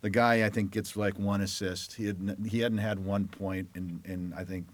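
A man's voice: low voice, moderate pace. A man from Detroit, a former college lacrosse player, telling his story as an interview guest and acting out what others said. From Detroit, Michigan. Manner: animated storyteller who acts out quoted voices. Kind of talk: conversational storytelling.

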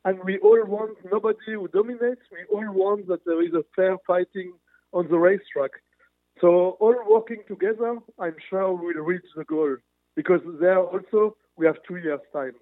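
A man's voice: high voice, normal speed, no echo. A man, a motorsport manufacturer executive, answering interview questions earnestly over a remote line, restarting phrases as he searches for words. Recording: tinny phone-like remote line.

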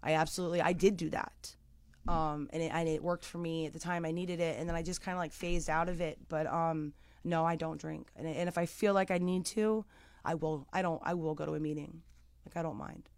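A woman's voice: deep voice, fairly even intonation, brisk, darkish tone, no room sound. A middle-aged woman talking as an interview guest, earnest and emotional, often repeating words as she goes. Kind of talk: candid interview chat.

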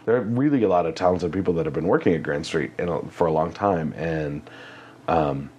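Deep-voiced chatty man, faint hiss. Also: a little fast, mellow, dull audio. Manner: chatty, laughing, rambling with fillers. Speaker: guest, community theater actor. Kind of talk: casual chat.

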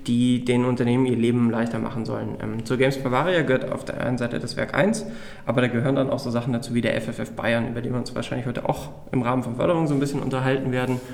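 The room echo is plain around this man's voice, which sits at an average pitch. He speaks as an interview guest, explaining in a conversational way. His delivery is halting, with pauses as he searches for wording. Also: gravelly, darkish tone. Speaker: interview guest, games funding project manager. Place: echoey room in an office building. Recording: echoey room.

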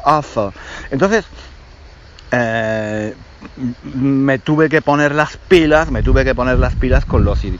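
A man in his forties from Spain, with a Spanish accent from Spain, telling a story casually to language learners as a teacher. He talks hesitantly, with frequent restarts and check-in questions. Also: medium pitch. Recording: slightly muffled lo-fi audio with faint noise.

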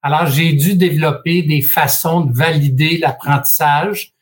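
Here a man from Quebec, aged in his sixties, speaks as an interview guest with expertise in franchising. His Québécois French accent carries a fairly high pitch and a steady tone, and he narrates his story in a measured fashion, often hesitating and offering dry humor.

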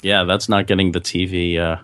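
A man co-hosting a podcast in casual, sarcastic banter, with vocal fry in his voice. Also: deep voice, level tone, brisk, fairly bright tone. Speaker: podcast co-host; magazine writer.

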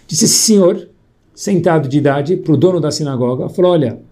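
Mellow-voiced man telling a story. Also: on the high side, moderate pace. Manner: lively storyteller, voicing characters in quotes. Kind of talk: storytelling sermon.

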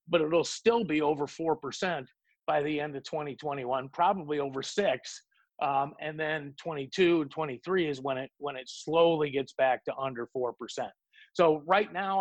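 Male interview guest, fairly high voice, plain-spoken conversational forecaster, very dry recording. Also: no echo, highs cut off. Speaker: podcast guest, economic forecaster.

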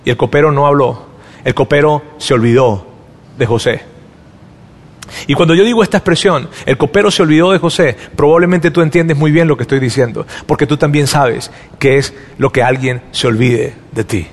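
Man, pastor giving a sermon; high voice, animated storyteller, lingering hall reverb. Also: moderate pace. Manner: animated storytelling, acting out dialogue, frequent repeated words.

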